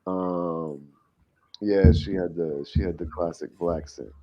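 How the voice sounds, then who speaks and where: A man's voice: low-pitched, steady tone, a little slow, warm tone, muffled recording. A man co-hosting a podcast, chatting casually in a laid-back, teasing way. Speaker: podcast co-host. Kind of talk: casual chat.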